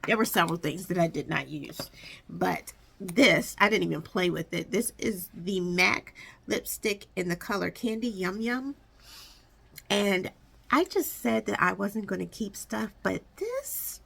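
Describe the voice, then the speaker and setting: A woman's voice: mid-range voice, animated, measured pace, gravelly, fairly bright tone, breathy edge. A woman talking casually to viewers as a beauty vlogger, rambling and thinking aloud as she corrects herself. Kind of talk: casual makeup stash chat to viewers. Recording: audible background noise.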